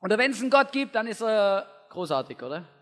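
A man preaching a youth sermon, telling a Bible story in slangy, energetic storytelling with shouted asides. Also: sits high, quick pace. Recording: long hall reverb.

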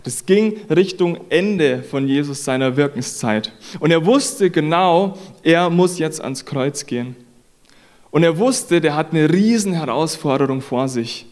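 A man's voice: on the high side, animated, measured pace, darkish tone. Earnest man preaching. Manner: earnest, conversational, repeats phrases for emphasis. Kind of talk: sermon.

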